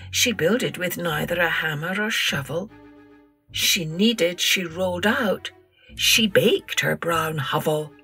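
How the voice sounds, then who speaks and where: Soft background music underlies an older Scottish woman's lowish, breathy-edged voice as she tells stories and recites poems for children on her podcast. She is theatrical and unhurried, lingering over words and slipping into hushed passages.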